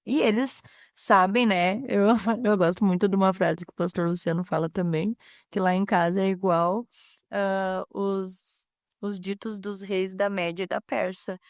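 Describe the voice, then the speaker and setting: A woman's voice: mid-range voice, steady tone, a little slow, no echo, clean studio sound. A middle-aged woman, a mother and housewife, earnestly sharing a faith testimony and acting out family dialogue as she tells it. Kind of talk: personal faith testimony on a podcast.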